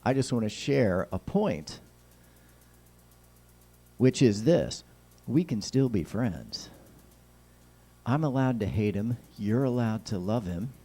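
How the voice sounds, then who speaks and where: A man's voice: mid-range voice, lively intonation, slow, pauses often, mellow. An American man hosting a casual, lightly humorous talk show in a folksy, rambling, neighbourly way, with whistling s sounds. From Kansas City, United States. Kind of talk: casual solo political chat with light humour.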